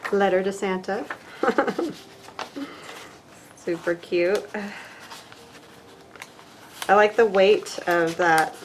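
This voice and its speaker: A woman crafter chats through an unboxing in a slightly low voice. She gushes warmly over each item and thinks out loud as she works with her hands. Her talk is loose and casual, dotted with fillers. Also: creaky, background noise. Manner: chatty and gushing, with many fillers; thinks aloud while handling craft supplies. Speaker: craft vlogger.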